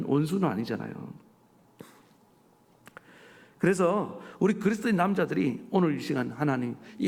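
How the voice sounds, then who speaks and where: A male pastor delivering a sermon, animated and full of rhetorical questions to his congregation. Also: fairly high pitch, creaky. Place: church sanctuary. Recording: church hall reverb.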